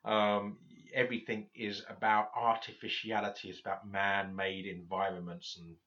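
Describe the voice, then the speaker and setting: A man giving a literature lecture, halting often with fillers and restarts. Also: on the low side, little pitch movement, sharp tone, muffled recording.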